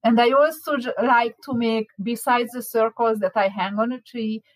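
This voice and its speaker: A woman's voice: a little high, fairly even intonation, moderate pace, no echo, low-quality recording. A woman from Hungary with a Hungarian accent, chatting casually as a baking class teacher, laughing often and restarting her words. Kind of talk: casual chat.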